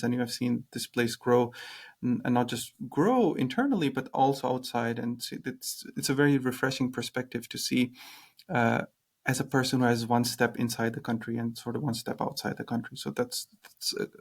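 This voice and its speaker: Young male podcast host, middling pitch, hesitant casual delivery. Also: vocal fry. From Pakistan. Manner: hesitant, leans on "like" fillers.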